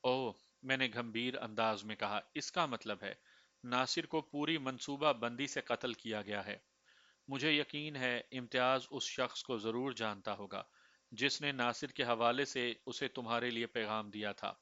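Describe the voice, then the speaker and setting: A man reading a crime story aloud in steady first-person narration, giving each character a voice. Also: medium pitch, no room sound. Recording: dry, slightly dull recording.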